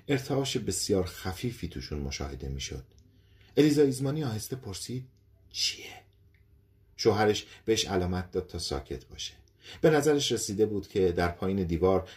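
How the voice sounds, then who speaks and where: A man narrating an audiobook story in an expressive storytelling reading. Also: sits low. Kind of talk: scripted narration.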